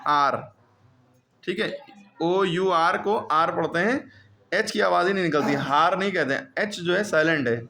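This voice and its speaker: Bright-voiced male grammar teacher. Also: sits high, a little slow, creaky. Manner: repetitive questioning of pupils. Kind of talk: classroom grammar lesson.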